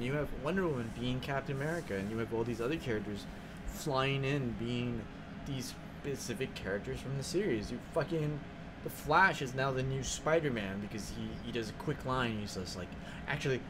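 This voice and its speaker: A man co-hosting a casual podcast, excitable and swearing often as he talks. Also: background noise. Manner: excitable, swears often, quick shifts in pitch. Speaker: podcast co-host.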